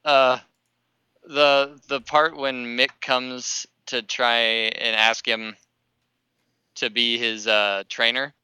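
A man's voice: medium pitch, level tone, takes it slowly, pushed and bright, smooth, dry recording, rough recording. A man co-hosting a casual movie chat, joking and laughing often.

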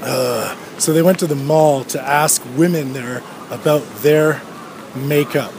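A slightly high, fairly evenly pitched male voice, unhurried, belongs to a man in his thirties hosting a solo podcast. He rambles through a sardonic, profane rant while walking outdoors on a street, with passing traffic and street noise in the recording.

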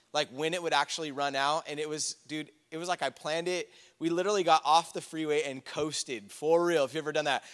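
Chatty pastor in an echoing church. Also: male voice, on the high side. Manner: relaxed, chatty storytelling with fillers and asides. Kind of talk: casual conversational sermon. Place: church sanctuary. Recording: church hall with long reverb.

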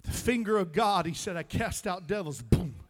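A male pastor preaching an impassioned sermon, building up to shouted commands and telling a story from his ministry. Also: high-pitched, big pitch swings, moderate pace.

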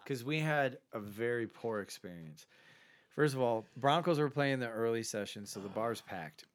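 A man co-hosting a sports podcast in a loose, casual chat. He tells stories with energy, swears freely and acts out what people said. His voice sits at an everyday middle pitch. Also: moderate pace. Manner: animated storyteller, swears freely, acts out quotes. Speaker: podcast co-host; bartender.

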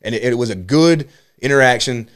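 Fast-talking, profane comedian telling a story. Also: male voice, mid-range voice, lively intonation, clear, resonant tone. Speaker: comedian and podcast host. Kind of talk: casual storytelling chat.

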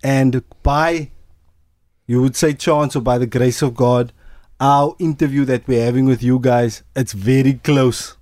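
Man, Cape Town Coloured South African accent, mellow tone, dry close sound, emphatic, impassioned conversation. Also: mid-range voice, fairly even intonation, a little slow, dry recording. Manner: emphatic, repeats phrases for emphasis. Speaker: community activist interviewee.

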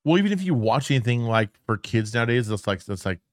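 A man's voice: mid-range voice, big pitch swings, fast, dry recording, studio quality. A man in his late thirties co-hosting a podcast, chatting casually in a rambling, profane way that keeps correcting itself. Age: 30s. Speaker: podcast co-host. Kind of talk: casual chat.

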